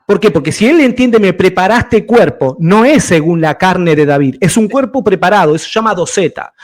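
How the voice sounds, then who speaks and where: A man's voice: high voice, animated, moderate pace. A man arguing in a heated theological debate, lecturing insistently and cutting in often.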